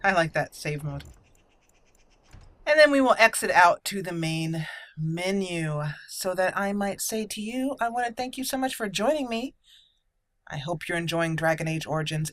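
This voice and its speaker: A woman with a fairly low, fairly bright voice hosts a let's play. She offers casual commentary on the game, musing and thinking aloud as she talks through her choices.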